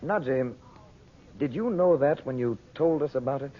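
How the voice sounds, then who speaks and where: Radio serial leading man male actor: ardent, earnest magician, intimate measured delivery, mid-range voice, dull old recording with rumble. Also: lively intonation, lightly acted. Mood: concerned, serious. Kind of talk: 1940s radio serial acting. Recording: muffled, noisy vintage radio recording with rumble.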